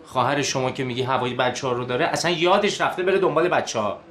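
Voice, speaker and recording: A man's voice: medium pitch, fairly bright tone, a little hiss or hum, natural voice. A man playing a weary, placating husband. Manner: polite, placating, exasperated. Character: henpecked office-working husband, patient and weary. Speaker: harried father and husband. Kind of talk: TV comedy series acting.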